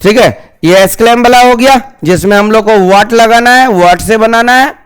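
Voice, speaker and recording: Guy teaching grammar, high clear voice, repeats stuff and quizzes himself. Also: normal speed. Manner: repeats key words, asks questions then answers them. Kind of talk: classroom grammar lesson.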